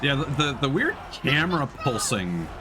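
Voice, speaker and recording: Over the noise of an in-game battle, a streamer offers relaxed, tentative commentary, thinking out loud as he plays. He speaks at a normal speed in a medium-pitched voice that is very animated.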